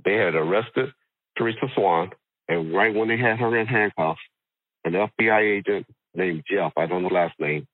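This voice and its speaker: A man with a very low voice calls in on a thin, tinny phone line. He holds the phone away from his mouth, so he sounds muffled and hard to make out. He talks haltingly and repeats himself, and the line is dry, with no room sound. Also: dry recording. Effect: phone held away from the mouth, hard to make out. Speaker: phone-in guest.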